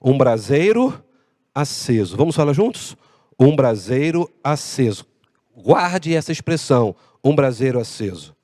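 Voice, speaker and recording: Brazilian male pastor, animated sermon, close dry voice with reverb tail of a large church. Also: medium pitch, unhurried. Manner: animated preaching with acted-out dialogue. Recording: long hall reverb.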